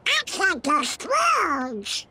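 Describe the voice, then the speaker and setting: A man's voice: extremely high pitch, huge pitch swings, very slow, noisy background, full character voice. An actor playing a touchy male cartoon duck with a garbled, quacking squawk in a video game. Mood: touchy, excitable. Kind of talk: animated video game acting.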